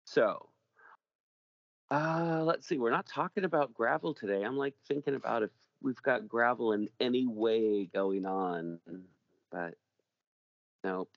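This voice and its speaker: Gravelly male host, slow rambling delivery, jokey asides, casual chat, dry slightly dull recording. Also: medium pitch, dry recording. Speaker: podcast host.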